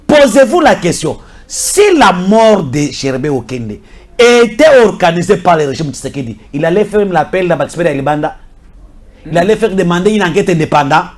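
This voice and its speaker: A Congolese political commentator with a high, sing-song voice talks at a normal pace. His heated talk blends French and Lingala, and he repeats himself insistently for emphasis.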